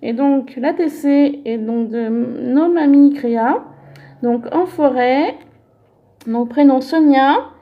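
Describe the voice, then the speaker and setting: High-voiced, slow-talking woman vlogger. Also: highs cut off. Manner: chatty, gentle, fills with "donc" and "voilà". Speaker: crafting vlogger. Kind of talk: casual show-and-tell of received mail.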